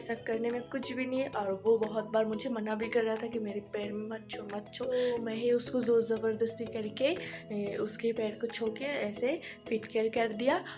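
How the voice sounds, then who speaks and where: A woman chatting casually in a home and shopping vlog, chaining her sentences with "so". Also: a little high. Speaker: vlogger.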